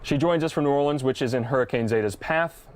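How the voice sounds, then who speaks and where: A man anchoring live news in an ad-libbed, somewhat hesitant and halting way. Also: mid-range voice.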